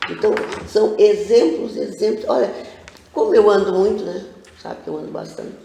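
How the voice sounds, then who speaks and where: An older woman, a local cultural figure appearing as a guest on a casual TV interview, tells animated, rambling stories full of asides. Her voice is medium-pitched and creaky at a normal speed, with roomy echo from the studio.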